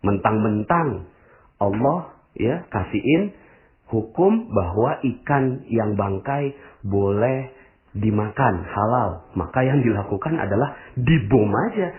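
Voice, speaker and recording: A man's voice: fairly low pitch, slow pace. A man preaching a motivational religious talk, emphatic and repetitive, often addressing his listeners directly. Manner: lively, emphatic, repeats phrases and keeps addressing listeners. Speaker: Islamic preacher. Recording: narrow phone-like radio broadcast.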